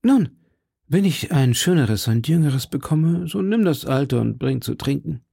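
A man's voice: a little high, animated, unhurried, creaky, mellow, breathy edge, dry recording, clean studio sound, pitched above the performer's own voice, heavily acted. A man doing an impetuous young swordsman. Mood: brisk. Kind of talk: audiobook character voice.

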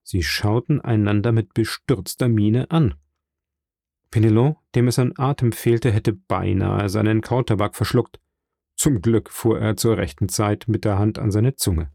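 A man narrating an audiobook in a steady, measured storytelling manner. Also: on the low side, creaky, dry recording, studio quality. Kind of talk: scripted narration.

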